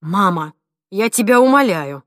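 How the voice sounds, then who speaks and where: A woman's voice: medium pitch, lively intonation, normal speed, no room sound, clean studio sound, lightly acted. A woman reading an audiobook, voicing an exasperated middle-aged son who pleads firmly with his mother. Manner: firm, pleading, strained.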